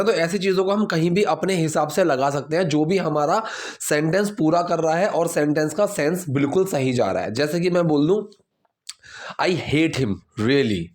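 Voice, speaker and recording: A man with an Indian accent teaching English lessons, explaining grammar in a chatty, conversational way and checking in with his listeners. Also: fairly high pitch. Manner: conversational, asks listeners questions.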